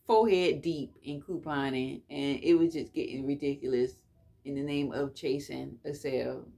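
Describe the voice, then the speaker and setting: A woman's voice: low-pitched, vocal fry. A woman telling stories from her past in a casual, slangy way, repeating phrases for emphasis. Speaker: couponing vlogger. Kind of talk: casual reminiscing storytelling.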